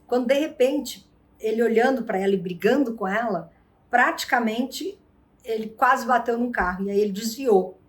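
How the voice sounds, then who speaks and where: Animated woman giving relationship advice. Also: on the high side, normal speed. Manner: animated storyteller, acts out quotes. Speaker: vlog host and relationship advisor. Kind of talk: casual advice talk.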